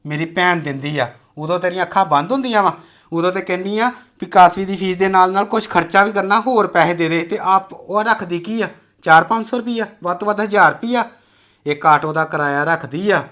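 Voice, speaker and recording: A man's voice: high voice, brisk, a bit bright. A man playing a stern scolding husband. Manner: scolding, accusing. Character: stern husband defending his sister. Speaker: son and husband in a family drama. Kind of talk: amateur family drama acting.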